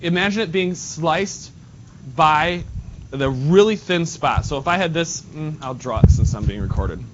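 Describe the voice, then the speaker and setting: A male math teacher with a nasal voice gives a casual classroom lesson, talking to students as he works at the board. He sounds animated and a little slow, and the lo-fi recording is dull with a faint rumble.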